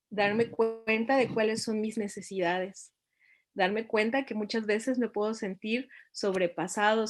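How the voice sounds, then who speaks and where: A middle-aged woman, giving a reflective talk to parents and asking them many questions. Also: medium pitch.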